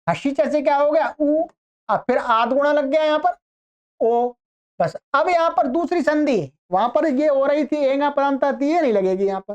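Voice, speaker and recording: A woman teaching Sanskrit grammar online, explaining patiently step by step and drawing out example words slowly. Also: high-pitched, a little mellow. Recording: dull lo-fi recording.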